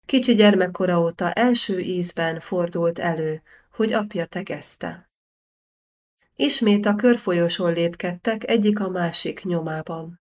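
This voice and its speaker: Woman reading an audiobook, slightly low voice, calm and steady. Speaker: audiobook narrator. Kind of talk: scripted narration.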